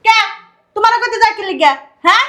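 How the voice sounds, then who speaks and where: An actress playing a sharp-tongued middle-aged stepmother who scolds sarcastically. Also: very high-pitched, expressive, heavily acted. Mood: scolding. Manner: scolding, sarcastic, rapid retorts.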